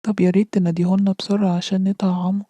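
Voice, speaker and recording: A woman voicing a cheerful, earnest male animal doctor, speaking with an Egyptian Arabic accent in a rapid, chatty way. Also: mid-range voice, little pitch movement, dark tone, no room sound, natural voice.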